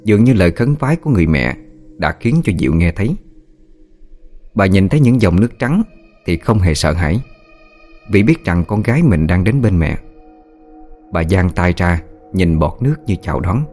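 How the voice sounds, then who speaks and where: A man reading a ghost story aloud in a slow, somber way. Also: low voice, big pitch swings. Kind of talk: scripted horror story narration. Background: soft music with singing bowl.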